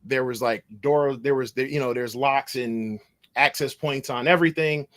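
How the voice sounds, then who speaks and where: Male podcast guest, mid-range voice, animated storyteller who voices the people in his tale, loose and full of restarts. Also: medium pitch, normal speed. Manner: animated, acts out dialogue in his stories; loose phrasing with frequent restarts. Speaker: podcast guest, cybersecurity consultant. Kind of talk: conversational storytelling.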